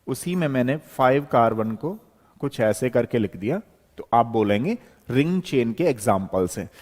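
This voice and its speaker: A man's voice: medium pitch, a little mellow. A male chemistry teacher giving a board lecture to students. He explains step by step as he writes and keeps checking in with "okay". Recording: long reverb, hall-like room.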